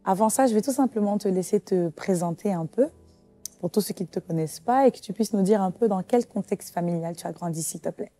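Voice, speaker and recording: A woman's voice: mid-range voice, a little fast, mellow, soft background music. A woman hosting a faith testimony interview, guiding her guest with prompting questions. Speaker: interview host.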